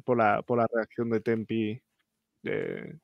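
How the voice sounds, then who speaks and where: A man co-hosting a relaxed livestream, laid-back and questioning, chuckling now and then. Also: fairly low pitch, slow, vocal fry, no room sound, lo-fi sound. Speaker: podcast co-host. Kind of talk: casual chat on a livestream.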